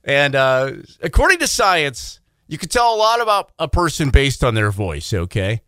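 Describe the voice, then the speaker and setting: A man co-hosting a radio morning show, chatting casually in a quick, joking, self-deprecating way. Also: mid-range voice, very animated, sharp tone, smooth, dry recording, clean studio sound.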